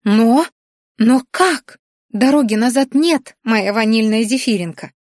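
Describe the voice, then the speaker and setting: A woman's voice: a little slow, a little mellow, no echo, studio quality. A woman voicing a plump hoofed female creature, a fussy, doting governess who gushes and frets dramatically. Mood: fussing. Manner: gushing, shrill and dramatic.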